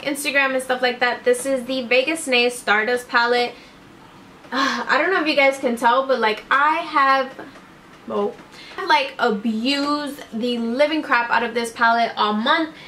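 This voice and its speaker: A beauty vlogger in her twenties reviews makeup to camera from a small indoor room lit with string lights. Her slightly high voice is pushed and bright, with a faint hiss or hum behind it. She gushes casually and upbeatly, saying "like" constantly and calling herself "obsessed."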